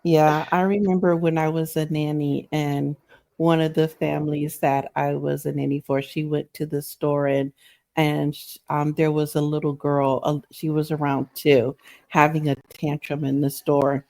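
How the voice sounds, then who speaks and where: A woman's voice: sits low, moderate pace. A woman hosting a casual talk show who retells stories vividly and acts out the people in them. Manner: lively retelling, acts out quoted people, many yeps. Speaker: host. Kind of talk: casual chat.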